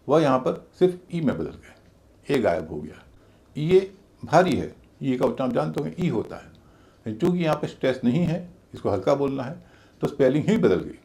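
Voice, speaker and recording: Man, pronunciation teacher, gravelly voice, lively rising and falling pitch, spells out letters, repeats stress patterns. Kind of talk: video class lesson.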